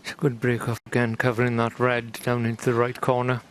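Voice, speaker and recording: A man giving conversational snooker analysis as co-commentator, hushed and understated. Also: mid-range voice, monotone, a little fast. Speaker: snooker co-commentator and former coach. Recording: clear crowd noise and arena ambience. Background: snooker arena audience ambience.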